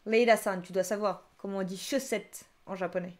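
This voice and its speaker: A woman's voice: mid-range voice, normal speed. A young woman teaching Japanese vocabulary on a live stream, reading out and reacting to chat answers with frequent laughter. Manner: lively, laughs often, reads chat answers aloud.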